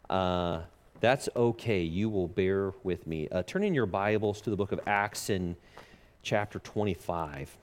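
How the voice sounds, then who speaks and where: A man preaching a sermon at a pulpit microphone, earnest and halting with frequent filler pauses. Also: low-pitched. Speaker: pastor. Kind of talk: sermon with scripture reading.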